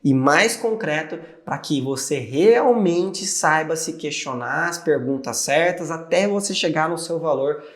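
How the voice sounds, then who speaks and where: A man's voice: on the high side, animated, a little slow, few pauses. Earnest Brazilian man, roomy echo. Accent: Brazilian Portuguese. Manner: earnest, conversational, addresses viewer directly. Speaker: video creator. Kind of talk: motivational talk to camera.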